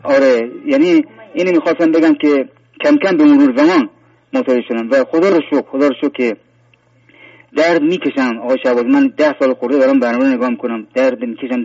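A man's voice: medium pitch, darkish tone, no echo. A man calling in to a talk program, telling a personal story earnestly, rambling with many fillers and restarts. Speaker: caller. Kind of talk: phone-in sharing a personal story. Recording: muffled phone-in line, distant.

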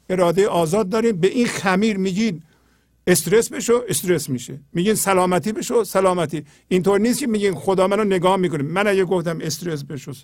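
Male spiritual teacher, higher voice, earnest explaining, dry recording. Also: creaky, no echo. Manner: earnest, explanatory, often drops to a low quiet tone. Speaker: host explaining poetry.

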